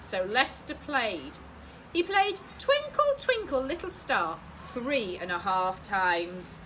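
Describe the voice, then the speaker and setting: Female British teacher for children's story reading: bright, very animated, emphatic phrasing, slightly noisy recording. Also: a little high, takes it slowly. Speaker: primary school teacher.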